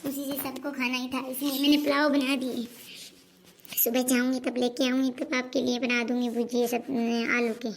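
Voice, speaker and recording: Woman doing sweet dutiful young daughter-in-law, gentle and even, high voice. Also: normal speed, gravelly, slight background noise. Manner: soft, dutiful, reassuring. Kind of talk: homemade family skit.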